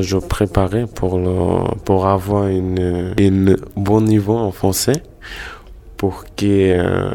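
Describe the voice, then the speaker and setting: A young man in his twenties from Bangladesh, a student, speaking haltingly with many pauses. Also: sits low, vocal fry, warm tone. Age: 20s.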